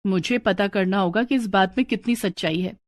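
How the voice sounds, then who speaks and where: A high, inquisitive young daughter-in-law from a cartoon story, as a woman narrator puts her on. She sounds eager and probing, and the recording is close and dry. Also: moderate pace, no echo, close to an everyday voice.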